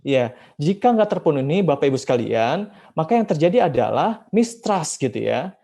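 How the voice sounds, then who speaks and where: Lively, emphatic Indonesian man giving a talk. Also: fairly high pitch, moderate pace, vocal fry. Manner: lively, emphatic, with rhetorical questions and acted-out quotes. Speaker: speaker at a parenting talk. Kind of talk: seminar talk to parents and teachers.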